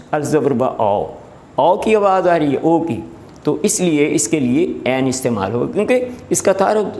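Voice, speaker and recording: A man's voice: a little high, a little mellow. A man who teaches English, giving a lecture, patiently repeating examples and checking that students understand. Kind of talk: recorded classroom lecture. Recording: echoey room with faint noise.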